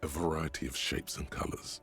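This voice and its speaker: A man playing a detective's brooding, sardonic inner voice, narrating a video game in a deliberate, dry, literary way. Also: a bass voice, steady tone, bright, forceful tone, faint music behind.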